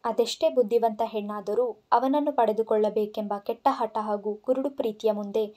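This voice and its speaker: A woman narrating a romantic audio story in an expressive storytelling manner. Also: fairly high pitch, normal speed.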